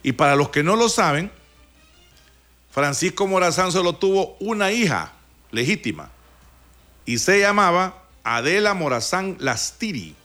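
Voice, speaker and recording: Hosting a laid-back radio talk show, this man from Honduras speaks with a Honduran Spanish accent and rambles through stories, often restarting and using fillers. His high, bright voice is sing-song, forceful and unhurried, with long pauses and soft music behind him.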